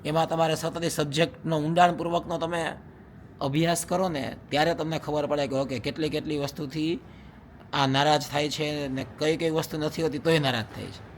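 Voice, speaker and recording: A man's voice: fairly high pitch, fairly even intonation, brisk, a little hiss or hum. A young man vlogging at home as a husband, chatting casually and teasingly with viewers and laughing often. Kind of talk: casual vlog chat to viewers.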